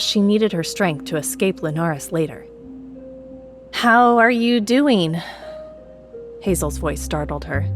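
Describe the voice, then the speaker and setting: A woman narrating a scripted audio drama in a steady storytelling manner, voicing all the characters herself. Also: lowish voice. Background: faint music.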